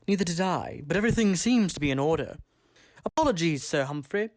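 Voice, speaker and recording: A woman's voice: lowish voice, expressive, fairly quick, darkish tone, close to an everyday voice. A woman playing a pompous, blustering male castle guard in a comedy film, with indignant, mock-formal proclamations. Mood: officious. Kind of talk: comedic film character acting.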